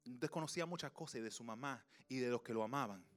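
A young man preaching a sermon, telling a personal story and moving between loud passages and hushed, slow ones. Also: mid-range voice, soft background music. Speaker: pastor.

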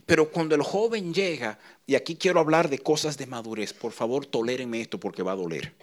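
A middle-aged man preaching a sermon, swinging from hushed, intimate lines to loud, emphatic ones. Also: mid-range voice, brisk. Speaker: pastor.

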